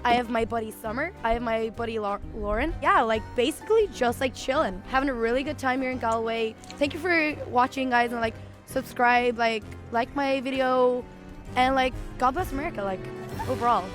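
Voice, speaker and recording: A woman's voice: on the high side, brisk, faint music behind. A woman doing a playful mock vlog intro, bubbly and filled with "like". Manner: bubbly, full of "like".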